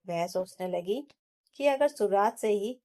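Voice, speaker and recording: A woman narrating a family drama story in a plain, steady storytelling voice. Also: medium pitch, unhurried.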